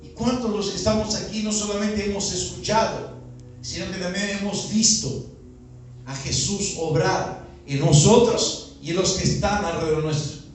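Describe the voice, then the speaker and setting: A Uruguayan pastor with a notably high voice preaches outdoors, throwing question after question at the congregation. The sound is very echoey and picked up from far off the mic. Faint music sits under his voice. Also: fairly even intonation, moderate pace. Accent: Uruguayan Spanish. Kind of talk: sermon. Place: outdoor gathering in a neighborhood.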